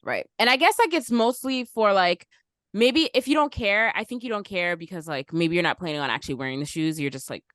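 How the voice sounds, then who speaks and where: A young woman co-hosting a casual podcast, chatty and quick to laugh. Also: mid-range voice, lively intonation, a bit bright, dry recording, clean studio sound. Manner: chatty, laughs often, lots of "like". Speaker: podcast co-host. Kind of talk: casual chat.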